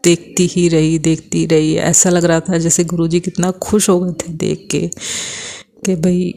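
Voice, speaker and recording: A woman's voice: fairly low pitch, little pitch movement, a little slow, gravelly, warm tone, slight background noise. A woman in her forties with a Punjabi accent, earnestly telling a devotional testimony and often addressing the congregation directly.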